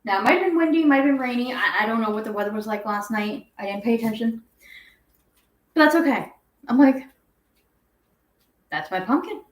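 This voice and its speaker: A woman's voice: fairly high pitch, fast talker. A young adult woman hosting a casual home livestream, rambling as she reads viewer comments aloud. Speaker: guinea pig channel host. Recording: echoey room.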